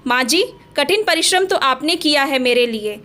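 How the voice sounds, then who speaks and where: A woman's voice: high-pitched, expressive, normal speed, bright, forceful tone. A woman voicing a young daughter-in-law who becomes a proud officer, speaking with strong emotion. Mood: grateful. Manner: emotional, pleading at times.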